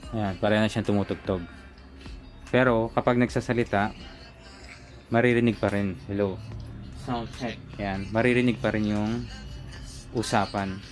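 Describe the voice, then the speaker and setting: A Filipino man reviews a product in a casual unboxing, talking step by step through his own hands-on installation. His voice is fairly low with fairly even intonation, and he speaks at a moderate pace, pausing often. Music plays in the background.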